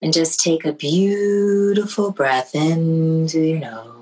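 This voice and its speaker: A woman leading a guided meditation in a slow, soothing, hushed way, often dropping to a near whisper. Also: low voice, fairly even intonation, breathy edge.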